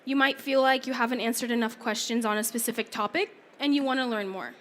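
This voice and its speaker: A woman's voice: a little high, fairly even intonation, quick pace, a bit bright. A woman presenting a live conference talk on exam study, chatty and apologetic, who is losing her voice. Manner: chatty, laughs often, apologetic asides. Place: conference theater stage.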